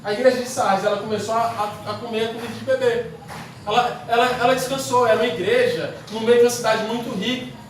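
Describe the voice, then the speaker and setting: Pastor, man, high voice, sermon, very echoey church heard from far off. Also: steady tone, quick pace. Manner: emphatic, repetitive rhetorical preaching. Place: church sanctuary. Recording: very echoey church hall from far off, faint noise.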